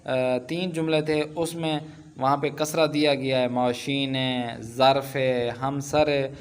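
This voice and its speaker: A man teaching Persian in an online lesson. He reads Persian sentences aloud and then explains them slowly, with many filler sounds. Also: mid-range voice, flat delivery, slight background noise.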